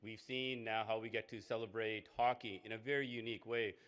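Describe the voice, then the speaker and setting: Halting man giving a public speech. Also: on the low side, steady tone, fairly bright tone, clean tone. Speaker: politician co-hosting an event. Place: indoor hall, on stage at a podium. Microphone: podium microphone.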